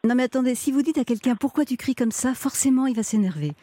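Calm woman radio advice host. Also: high-pitched, fast talker, no echo. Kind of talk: giving advice on a call-in show.

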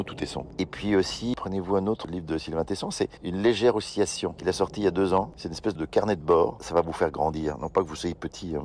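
Deep fast-talking man, dry and teasing. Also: a little mellow, slight background noise. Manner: dry, teasing, mock-concerned. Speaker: comedian answering a voicemail. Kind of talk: comic radio sketch monologue.

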